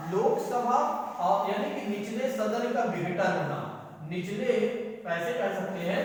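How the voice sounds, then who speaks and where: High-voiced teacher in an echoey room. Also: male voice, far from the mic. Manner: repeats points as rhetorical questions. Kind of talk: exam-prep lecture.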